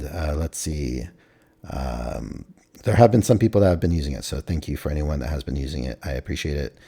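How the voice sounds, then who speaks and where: A man with a very deep, dark voice that sounds slightly hoarse talks casually into a desktop mic. He reviews his own trades in a matter-of-fact way, thinking aloud as he goes. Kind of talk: casual screen-recorded trade recap.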